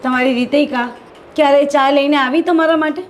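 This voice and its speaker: An actress playing a hardworking, resentful daughter-in-law who complains constantly, with a Gujarati accent. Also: female voice, sits high, fairly even intonation, brisk, slight background noise, close to an everyday voice. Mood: aggrieved. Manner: complaining, aggrieved.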